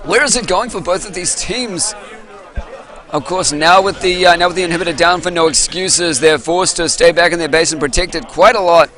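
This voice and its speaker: High, bright-voiced excitable esports caster man. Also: normal speed, a faint crowd. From New Zealand. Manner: excitable, rambling, self-interrupting. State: losing his voice. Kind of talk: live esports commentary. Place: live event venue with audience.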